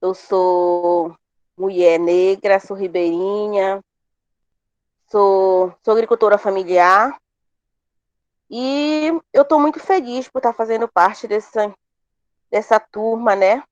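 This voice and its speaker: A woman's voice: mid-range voice, takes it slowly, long pauses, darkish tone, dry recording, dull audio. A woman from Pará, a family farmer introducing herself in an online class, speaking earnestly and hopefully and often repeating words. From Pará, Brazil. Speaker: course participant, family farmer.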